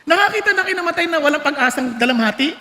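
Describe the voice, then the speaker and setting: A man's voice: very high voice, expressive, very fast, pushed and bright. A man with a Filipino accent preaching a sermon, mixing Tagalog and English and joking with his congregation. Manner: switches between Tagalog and English, laughs and jokes with the congregation. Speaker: pastor. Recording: long hall reverb.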